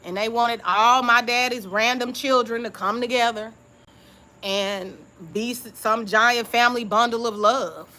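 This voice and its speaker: In an unhurried, somewhat high voice, a woman shares old journal entries with her live-stream audience in relaxed, casual talk. She sounds reflective and confiding, often pausing to ask listeners "okay?".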